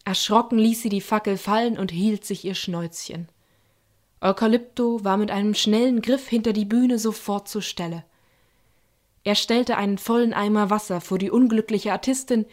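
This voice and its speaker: A woman narrating a children's bedtime story in a calm, soothing way. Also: medium pitch. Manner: calm and soothing, voices characters lightly.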